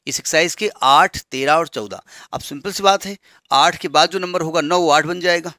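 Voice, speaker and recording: A man's voice: a little high, gravelly, bright, forceful tone, no room sound, clean studio sound. A man teaching a maths lesson, counting steadily through question numbers and checking that his students follow. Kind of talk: classroom lesson explaining textbook changes.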